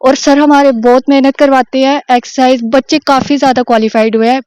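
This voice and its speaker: A woman's voice: sits high, fairly even intonation, fairly quick, darkish tone, clear, resonant tone, dry recording. A young woman training for recruitment, giving earnest, plain-spoken answers in an outdoor interview. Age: young adult. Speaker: recruitment aspirant.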